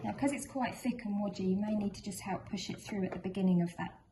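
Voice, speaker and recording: A woman's voice: medium pitch, quick pace. A woman talking informally through a craft tutorial in a chatty, encouraging, conversational way. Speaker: sewing tutorial presenter. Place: indoors in a room at home. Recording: echoey room, clear background noise of drilling. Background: builders' drilling and work noise.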